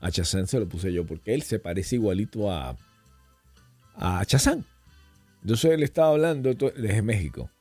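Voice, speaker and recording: Un hombre invitado a un pódcast, que cuenta historias de forma animada y coloquial, con muchas frases que se reinician. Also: male voice, fairly low pitch, moderate pace, husky, no echo, soft background music. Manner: animated, rambling storyteller with frequent restarts; colloquial, addresses host as "hermano". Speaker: podcast guest. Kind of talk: casual storytelling chat.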